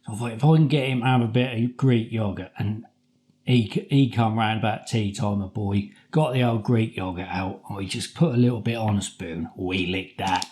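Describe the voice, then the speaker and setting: British man, mellow voice, rambling casual storyteller. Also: medium pitch. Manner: halting, repetitive, colloquial. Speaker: vlogger.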